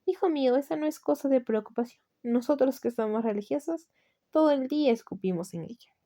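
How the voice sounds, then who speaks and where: A woman with a Latin American Spanish accent voicing a kindly male friar who gently reassures a penitent in a storybook reading. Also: high-pitched, a little fast, no echo, clean studio sound, pitched above the performer's own voice. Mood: reassuring.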